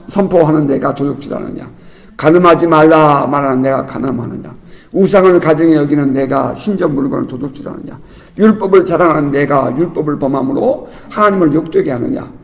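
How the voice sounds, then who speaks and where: A middle-aged pastor with a fairly high voice and vocal fry preaches an expository sermon in a church sanctuary. He keeps it chatty, laughs now and then and performs the voices of those he quotes, all captured in a reverberant hall.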